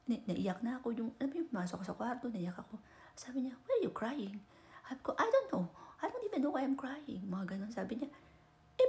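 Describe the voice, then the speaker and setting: A woman's voice: on the high side, warm tone. A woman from the Philippines with a Filipino accent, chatting casually as she gives relationship advice and mixes Tagalog with English, tagging her sentences with "no?" and "di ba?". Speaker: vlogger giving relationship advice.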